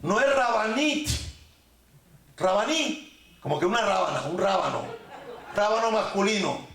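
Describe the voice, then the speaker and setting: A man teaches his congregation in a high, gravelly voice. He jokes and corrects pronunciation, stretching words out slowly. The room adds a clear echo. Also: lively intonation, a bit bright, a faint crowd, slight background noise. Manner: joking, corrects pronunciation with drawn-out repetition. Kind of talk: sermon teaching.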